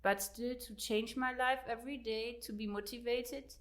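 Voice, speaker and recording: In a relaxed interview, a German-accented woman in her late thirties appears as a guest author, talkative, full of fillers and quick to laugh. She speaks at normal speed in a slightly high voice with fairly even intonation.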